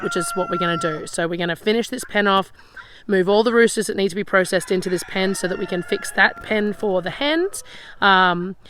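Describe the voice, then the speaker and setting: An Australian woman vlogger with a gravelly, slightly raspy voice on the low side chats casually while walking by the chicken pens of her rural homestead. Loud farm noise fills the recording: roosters crowing, hens clucking, and guinea fowl.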